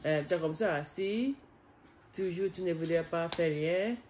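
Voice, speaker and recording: A woman vlogger with an English accent and English as her first language, talking in a casual daily vlog and often pausing to search for words. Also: fairly low pitch, darkish tone, slight background noise. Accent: English-speaking. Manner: hesitant, searching for words with many pauses. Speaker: vlogger learning French. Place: outdoors on a foggy day.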